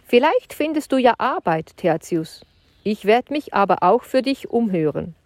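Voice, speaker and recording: A woman's voice: a little high, big pitch swings, normal speed, no echo, voice pushed up. A woman voicing a tired adult male guard in a storybook reading, speaking in a yawning, reassuring way. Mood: sleepy friendly.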